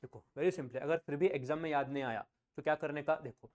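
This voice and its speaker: A man with an Indian accent teaching accountancy in a classroom lecture, dictating notes slowly and repeating key phrases, mixing English and Hindi and quizzing his students. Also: a little high, darkish tone.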